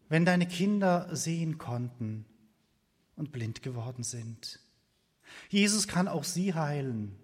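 A man with a high voice preaches a sermon slowly and earnestly, building on repeated phrases and at times sinking almost to a whisper. His words ring out with the long reverb of a church hall.

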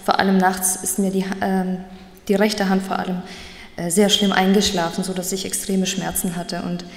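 A woman's voice: medium pitch, a little mellow. A woman sharing a personal faith testimony in an earnest, reflective way. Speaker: medical practice assistant sharing a faith testimony. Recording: echoey room with long reverb.

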